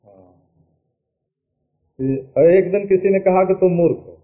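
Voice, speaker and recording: A man with a high voice delivers an unhurried spiritual discourse, drawing out each phrase. Now and then he chants verses and drops in conversational asides. The old recording is thin and tinny, like a phone line. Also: little pitch movement. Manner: slow, explanatory, with chanted Sanskrit verses and asides. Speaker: spiritual teacher. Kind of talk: Vedanta discourse. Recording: tinny lo-fi archival tape.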